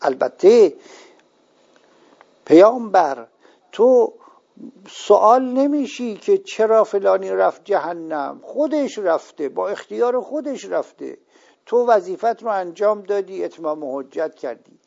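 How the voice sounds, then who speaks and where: An older male cleric giving a religious lecture, speaking in measured, emphatic, drawn-out phrases. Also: sits high, expressive, gravelly, darkish tone. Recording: dull lo-fi recording.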